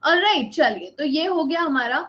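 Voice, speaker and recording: A woman's voice: high-pitched, animated, moderate pace, fairly bright tone, highs cut off. A woman teacher giving a live online biology lecture, mixing Hindi with English, repeating key points and often checking whether students understand.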